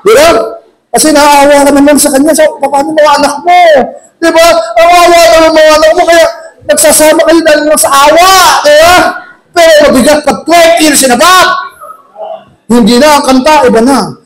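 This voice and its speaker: A man with a Filipino accent giving a humorous church talk in a chapel, acting out shouting couples. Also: very high-pitched, steady tone, moderate pace, slight background noise, rough recording. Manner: jokey, acts out shouting couples. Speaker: lay preacher.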